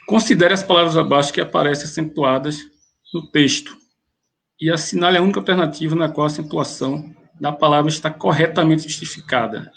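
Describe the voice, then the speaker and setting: High, gravelly teacher. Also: male voice, fairly bright tone. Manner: methodical, pauses and restarts mid-phrase. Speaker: grammar teacher. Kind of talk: explaining exam questions.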